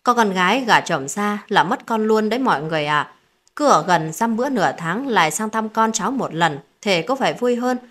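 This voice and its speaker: A woman's voice: medium pitch, lively intonation, a little fast, fairly bright tone. A woman telling a first-person family drama story in a dramatic reading style. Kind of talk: scripted narration.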